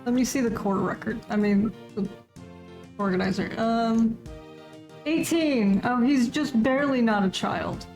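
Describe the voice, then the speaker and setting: A woman's voice: a little high, measured pace, darkish tone, faint music behind. A woman streaming a game live, joking casually and reading its lines aloud in a plain voice.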